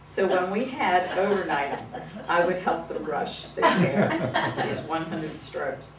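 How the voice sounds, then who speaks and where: A woman's voice: fairly low pitch, lively intonation, takes it slowly. An older woman giving an informal eulogy, telling fond personal stories in a conversational way. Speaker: eulogy speaker at a memorial service. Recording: echoey, distant mic with room noise.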